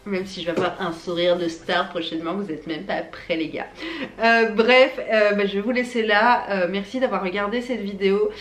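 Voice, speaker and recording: A woman's voice: mid-range voice, normal speed. Young woman with braces, echoey room. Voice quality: speaks with dental braces. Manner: informal, slangy, chatty. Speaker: YouTuber and small business owner. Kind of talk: casual unscripted chat to viewers. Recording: echoey room, faint background noise.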